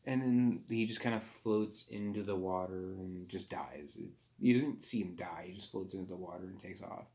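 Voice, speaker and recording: A man with a somewhat low voice talks through a film's plot in a loose, casual review. He rambles and stops to correct himself often, with plenty of fillers along the way. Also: a little mellow. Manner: rambling, halting, with frequent fillers and self-corrections. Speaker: movie reviewer. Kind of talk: casual spoken movie review recap.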